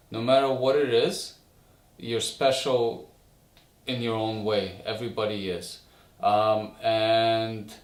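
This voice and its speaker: Husband co-host, earnest pep-talk delivery, distant roomy sound. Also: male voice, on the low side. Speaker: vlogger's husband. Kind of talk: casual couple chat.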